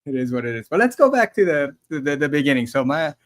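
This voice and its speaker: A man's voice: on the high side, big pitch swings, quick pace. Chatty self-deprecating male co-host. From Taiwan. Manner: chatty, self-deprecating, many restarts and laughs. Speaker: podcast co-host. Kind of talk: casual livestream chat.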